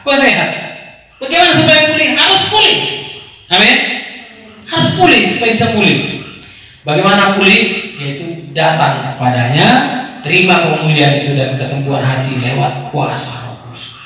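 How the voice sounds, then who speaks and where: A man preaching a sermon at a youth church service, animated, asking rhetorical questions and acting out scolding voices. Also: on the high side, normal speed, pauses often. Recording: echoey hall, far from mic, faint noise.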